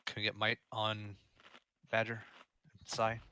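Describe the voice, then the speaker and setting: A man's voice: lowish voice, monotone, takes it slowly, pushed and bright, a little hiss or hum. Man leading a raid over group voice chat. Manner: directive, explaining tactics with frequent fillers. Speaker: raid leader.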